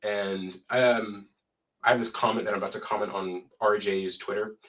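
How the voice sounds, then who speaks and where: A man's voice: lowish voice, steady tone, normal speed, fairly bright tone. Stuffy-voiced young man hosting a stream. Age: young adult. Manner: chatty, reads figures aloud and adds asides. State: stuffy from a cold. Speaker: live-stream host. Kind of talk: casual live-stream commentary.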